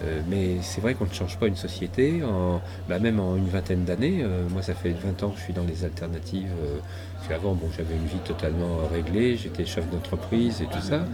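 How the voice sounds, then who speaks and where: Here the interview guest, a middle-aged man from southwest France, has a deep voice and talks a little fast. He hesitates a lot, rambling with many fillers and restarts amid a noisy crowd.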